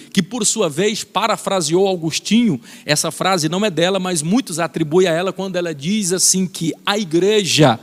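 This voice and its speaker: A man teaching a Bible lesson in a fervent preaching style, slowing down on key phrases. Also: sits high, big-room sound.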